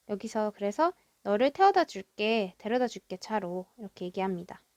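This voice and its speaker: A woman teaching a language from a drama script, reading each foreign line slowly and carefully before explaining it. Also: mid-range voice, dry recording, clean studio sound. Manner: reads foreign lines slowly and carefully, then translates.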